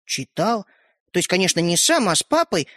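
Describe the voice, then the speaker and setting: A man's voice: high-pitched, very animated, normal speed, bright, forceful tone, no room sound, studio quality, exaggerated voice. A man voicing a timid, curious young boy in a storybook reading. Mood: eager. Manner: timid, hesitant.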